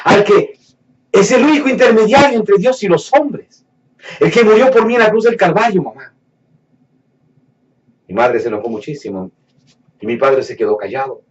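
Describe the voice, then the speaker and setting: A man preaching his testimony with fervent passion, his fairly high voice dropping low and soft, then rising loud and slowing to stretch out key words. The sound is dull and lo-fi, picked up from a mic some way off. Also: lively intonation, recorded from a distance. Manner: impassioned, swings between hushed low lines and raised fervent ones; slows down and stretches words for emphasis. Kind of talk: emotional sermon testimony.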